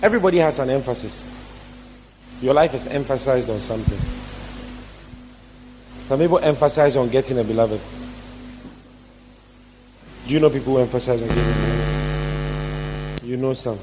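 A man's voice: mid-range voice, moderate pace, pauses often, over music, low-quality recording. A man preaching a sermon as a pastor, emphatic and repeating his key phrases.

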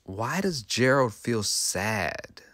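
A man's voice: medium pitch, big pitch swings, very slow, fairly bright tone, no echo. A male teacher reading a rhyming picture book aloud to children in a sing-song way, stopping to ask them questions.

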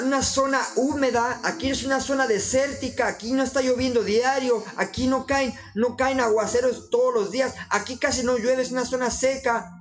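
A man preaching informally in an earnest, exhorting way, often halting and restarting his sentences. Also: extremely high pitch, rough recording.

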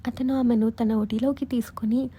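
A woman storyteller doing scripted narration in a steady, measured reading. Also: fairly high pitch, breathy edge.

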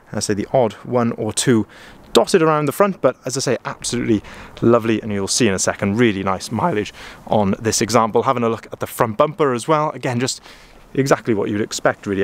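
A man from Wales, a van sales manager, giving a chatty walkaround of a camper van inside the vehicle and out on the dealer's lot, often saying "as I say", with the phone camera in his own hand. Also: mid-range voice. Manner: chatty, keeps repeating "as I say".

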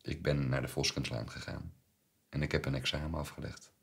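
An actor with a Flemish accent playing a troubled man who quietly relives his painful childhood in a stage monologue. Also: little pitch movement, fairly quick, creaky, full character voice. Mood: haunted. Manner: subdued, low, haunted storytelling. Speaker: actor playing the narrator Bernard.

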